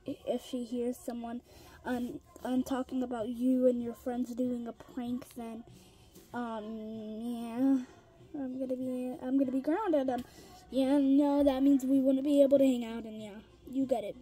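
A woman's voice: high-pitched, flat delivery, measured pace, mellow, faint music behind. A woman voicing kid characters in a pet toy role-play, rambling with lots of ums and restarts and slipping into whispered asides. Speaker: toy figure video creator.

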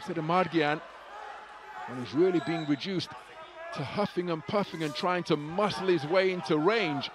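A man's voice: fairly high pitch, normal speed, noisy background. A man giving live boxing commentary, fluent and articulate play-by-play with vivid wording.

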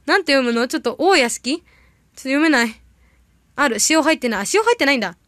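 Chatty high-voiced young woman livestreaming. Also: lively intonation, fairly bright tone, dry recording, studio quality. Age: young adult. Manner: chatty, rambling, quick reactions to comments. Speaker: idol audition candidate livestreaming. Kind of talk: casual livestream chat reading viewer comments.

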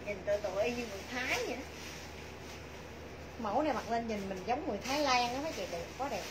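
A middle-aged woman with a southern Vietnamese accent giving a chatty, repetitive live sales pitch to viewers from a small clothing shop. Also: lively intonation, fast talker. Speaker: clothing shop livestream seller. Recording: noisy shop livestream, clear background noise.

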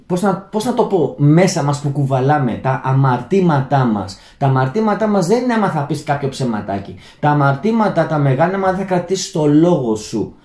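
A man's voice: a little high, lively intonation, darkish tone, reverberant. A Greek man talking unscripted to his viewers, rambling with many restarts and calling out to his friends. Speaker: channel host. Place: Germany, indoor room.

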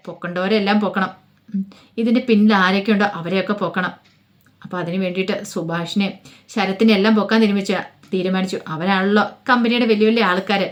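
A woman casually retelling a TV serial episode as a chatty story, with frequent fillers. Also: mid-range voice.

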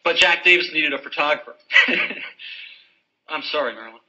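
A man's voice: fairly high pitch, pushed and bright. An actor playing a sheepish adult man who hesitantly owns up, in scripted TV drama dialogue. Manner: hesitant, halting. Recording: dull lo-fi TV clip.

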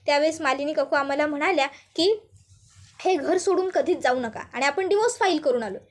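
A woman voicing a hot-tempered young wife who scolds in a loud, snappy way. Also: sits high, brisk, close to an everyday voice. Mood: upset.

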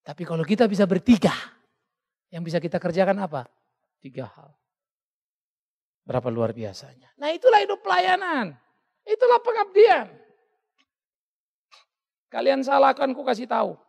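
A male pastor preaching a sermon in an animated way, often acting out the voices of the people he quotes. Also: extremely high pitch, normal speed, gravelly, long pauses, long reverb tail. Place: church hall.

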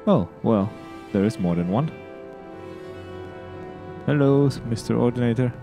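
A man's voice: medium pitch, expressive, unhurried, over music. A man hosting a video game let's play, chatting casually and rambling, tripping over his words in a giddy, upbeat mood. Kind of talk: casual gameplay commentary.

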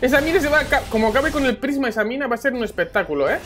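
Excitable Spanish woman casting a game. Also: sits high, very fast. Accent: Spain Spanish. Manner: excitable, repeats phrases, bursts into shouts. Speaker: esports caster.

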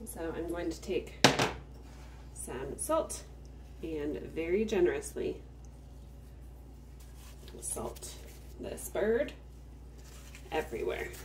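Woman cooking at home, slow step-by-step talk, lively pitch, roomy kitchen sound, off-mic. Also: distant mic, noisy background. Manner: unhurried step-by-step explaining while working. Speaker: home cook, farmstead channel host. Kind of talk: cook-with-me kitchen demonstration.

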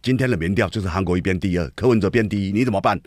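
A man's voice: low-pitched, rapid-fire, darkish tone, no echo, studio quality. A man hosting a radio talk show, giving an emphatic political commentary monologue full of rhetorical questions to his listeners. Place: radio studio.

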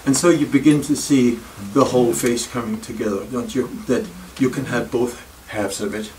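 This older male lecturer from Denmark speaks with a Danish accent in a mid-range, slightly mellow voice with fairly even intonation. Giving a library talk in a wood-paneled room, he stays wry and reflective, with pauses and self-deprecating remarks. The far-off camera audio is distant and carries faint noise.

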